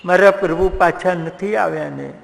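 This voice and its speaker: A man's voice: high voice, normal speed, vocal fry. A man voicing a sly, teasing wandering sage in a storytelling sermon. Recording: echoey hall reverb.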